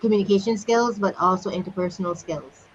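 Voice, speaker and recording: A woman's voice: medium pitch, brisk, slight background noise. A woman hosting a casual conversation, speaking earnestly and reflectively about her own experiences. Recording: slightly dull, lo-fi recording.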